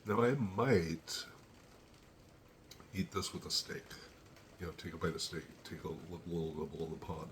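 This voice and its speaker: Deep-voiced man, teary from chili heat. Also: little pitch movement, fairly bright tone, a little hiss or hum. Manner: slow, measured, thinking aloud between pauses. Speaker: chili pepper reviewer. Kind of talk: casual solo tasting review.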